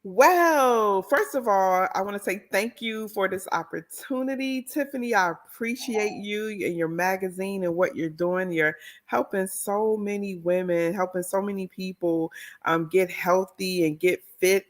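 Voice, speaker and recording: A woman's voice: medium pitch, measured pace. A middle-aged woman from the Washington, D.C. area, an author and educator telling her story in an interview. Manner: expressive, animated storyteller.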